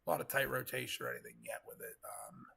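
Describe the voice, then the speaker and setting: A man with a gravelly, congested voice from getting over a cold, giving casual, rambling live storm coverage commentary. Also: medium pitch, huge pitch swings, quick pace, pushed and bright. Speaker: live weather stream host, storm chaser.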